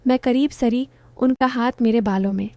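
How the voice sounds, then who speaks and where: A woman narrating a first-person story in short, clipped phrases, soft and intimate. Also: a little high, steady tone, normal speed, dry recording.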